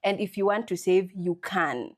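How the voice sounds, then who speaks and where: A woman's voice: fairly low pitch, lively intonation, moderate pace. Kenyan woman co-hosting a motivational podcast. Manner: encouraging, conversational, slipping between two languages. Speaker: podcast co-host. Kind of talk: casual motivational podcast chat.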